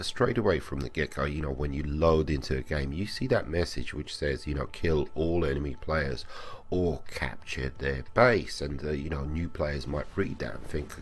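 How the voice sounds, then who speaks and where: A man's voice: rumbling low, slight background noise. A man with a slight cold, sounding worse for wear, giving casual gaming guide commentary and repeating phrases for emphasis. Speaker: gaming video host.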